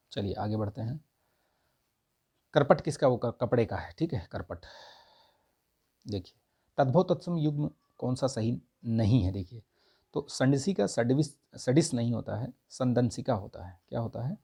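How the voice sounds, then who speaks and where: A man teaching an exam-prep grammar lesson, his voice gravelly and low in tone. He works through each quiz answer step by step, repeating key words and pausing to check in with the class. The delivery stays a little husky throughout. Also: dark tone.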